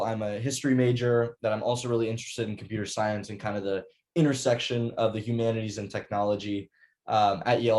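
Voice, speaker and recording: Young man presenting, low voice. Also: darkish tone. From United States. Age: young adult. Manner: earnest, many fillers and restarts. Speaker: student presenter. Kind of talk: prepared presentation. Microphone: video call.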